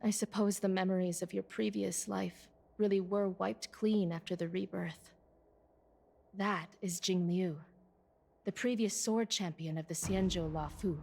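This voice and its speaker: In English video game dialogue, a woman voices a dutiful, world-weary military officer, explaining things matter-of-factly with a grave, weary mood. Her mid-range voice is steady, measured and a little mellow, with vocal fry, and game music plays behind her.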